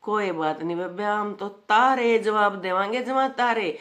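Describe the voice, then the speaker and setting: Slow-talking Haryanvi man vlogging. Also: high voice, a bit bright. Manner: rambling, emphatic storytelling with quoted dialogue. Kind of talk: casual monologue answering critics.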